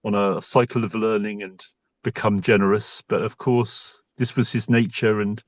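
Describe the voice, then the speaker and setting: A man's voice: fairly low pitch, little pitch movement, moderate pace, no echo. A man calling in from his car over a video call, his audio choppy and breaking up, giving a thoughtful, appreciative comment. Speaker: festival audience member commenting. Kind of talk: casual spoken comment.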